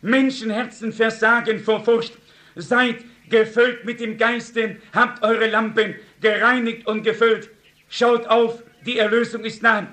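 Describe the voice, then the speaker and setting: A man's voice: extremely high pitch, little pitch movement, measured pace, sharp tone. A man preaching a sermon, telling stories with quoted dialogue and fervently urging his congregation. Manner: fervent, repeated exhortations to the congregation.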